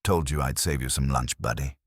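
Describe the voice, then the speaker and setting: A man reading the lines of a friendly, easygoing young woman student who coos gently, in a very deep, husky voice. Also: brisk, dry recording, studio quality. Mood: cooing.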